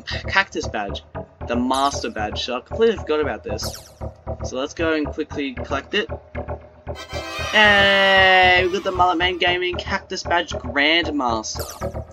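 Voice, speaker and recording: A man giving casual, rambling commentary over his own gameplay, often repeating and restarting phrases. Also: medium pitch. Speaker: gaming YouTuber. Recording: dull lo-fi mic with background music.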